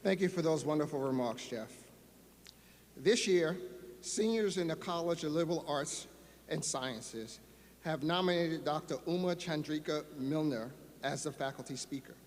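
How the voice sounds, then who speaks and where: A man introduces the next speaker at a ceremony, with a voice slightly higher than usual. He sounds formal and adds a light joking touch. The sound rings out through a PA system with a long reverb and faint background noise. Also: moderate pace. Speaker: ceremony presenter.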